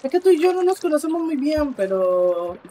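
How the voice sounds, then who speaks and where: A man giving casual live commentary while he plays, talking to the game character and to his viewers, swinging between exclamations and low muttering. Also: big pitch swings, moderate pace, mellow, a little hiss or hum. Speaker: streamer.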